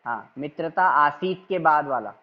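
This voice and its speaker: A man teaching an online class, calmly but firmly correcting his students' reading and repeating himself until they get it right. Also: on the high side, a little slow, lo-fi sound. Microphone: video call.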